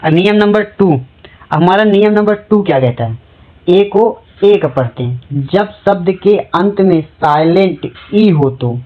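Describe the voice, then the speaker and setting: Slow teacher going over spelling rules, asks a question then answers it, repeats words, kinda muffled recording. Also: medium pitch. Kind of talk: spelling lesson in Hindi.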